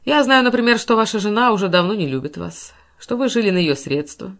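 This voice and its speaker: A woman reading an icy, calm male banker. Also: mid-range voice, fairly quick, lightly acted. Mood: cold.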